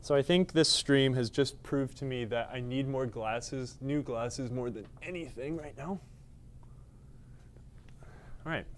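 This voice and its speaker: Speaking a little slowly with long pauses in a medium-pitched voice, a man hosts a casual live stream from a studio at his workplace. He rambles and makes self-deprecating jokes, talking to himself while he adjusts the camera and lights. There's a little hiss or hum.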